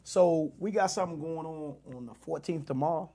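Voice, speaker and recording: A man with a somewhat high voice hosts a radio show, talking loudly in DC slang. He keeps stumbling into excited restarts, and a faint hiss of noise sits under the studio chat. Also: fairly quick, gravelly. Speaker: radio host.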